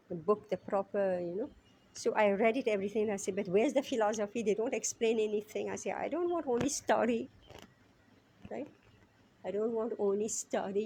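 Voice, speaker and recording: A middle-aged woman from Mauritius teaching a scripture class in a conversational way, often asking "right?", and chanting verses slowly. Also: a little high, a little mellow, husky. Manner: conversational, frequent "right?" tag questions.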